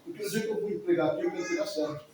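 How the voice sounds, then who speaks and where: Fast-talking man testifying in an echoey church. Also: high voice. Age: 40s. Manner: emotional, rambling, repeats himself. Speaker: church member giving testimony. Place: church hall. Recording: echoey hall from far off, faint noise.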